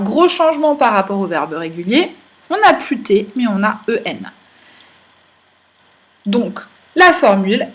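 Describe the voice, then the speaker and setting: High-voiced woman teaching German grammar. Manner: patient, explanatory, with fillers. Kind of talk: recorded grammar lesson.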